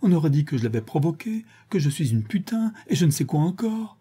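A man's voice: on the high side, big pitch swings, a little fast, warm tone, breathy edge, pitched above the performer's own voice, heavily acted. A man reading an audiobook, voicing a tearful young servant woman who pleads her case in a rising voice. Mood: distraught. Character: young woman servant confessing a killing, distraught.

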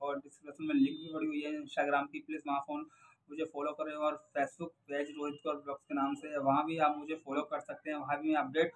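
Chatty young man vlogging, slightly high voice. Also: quick pace, vocal fry, rough recording. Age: 20s. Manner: chatty, animated, loud opening hook. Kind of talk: casual news vlog to camera. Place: small indoor room. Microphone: camera or phone in front of face.

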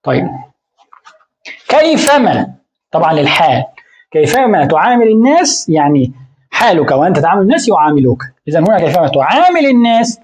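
Lively, fast Arabic grammar teacher. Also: medium pitch. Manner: asks the class quick rhetorical questions and answers them; repeats key terms over and over. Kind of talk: explaining a grammar lesson.

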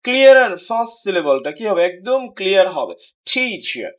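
A man teaching an English pronunciation lesson, explaining patiently and repeating example words slowly for practice. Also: high voice, big pitch swings, clean tone.

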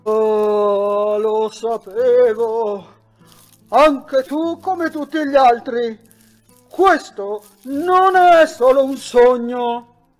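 Storybook dragon, woman actor, lonely and kind, booming, slowish and pleading, higher pitched than expected. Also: soft background music.

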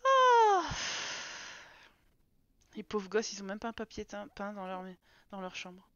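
A woman streamer giving casual let's-play commentary, chatty and quick to scold her game characters. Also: mid-range voice, level tone, dry recording, lo-fi sound.

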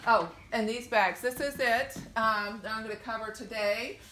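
A woman's voice: fairly high pitch, fairly even intonation, moderate pace, sharp tone. A woman in her forties, a boutique owner, chatting upbeat through a sale walkthrough in a store, with frequent ums and gushing praise. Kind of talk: casual sales walkthrough video. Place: shop doorway outdoors, then inside a store. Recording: roomy sound with faint background noise.

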